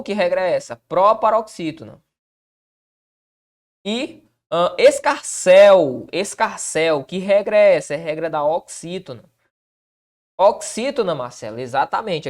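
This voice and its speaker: A man with a high-pitched voice teaches a lively Portuguese exam-prep lesson. He keeps asking tag questions and answering them himself, and he stretches words out slowly for emphasis.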